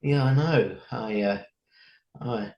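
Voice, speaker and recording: A man, a comedian guest chatting casually on a podcast in a halting, rambling way with many restarts. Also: medium pitch, highs cut off. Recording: roomy echo.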